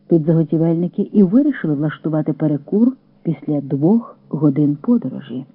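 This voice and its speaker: A male narrator reading a novel in a steady, measured way. His voice sits slightly high and sounds close and dry. The whole thing has the thin, narrow sound of an old radio broadcast. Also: dry recording. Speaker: audiobook narrator. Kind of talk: scripted narration of a war novel. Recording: tinny lo-fi radio recording.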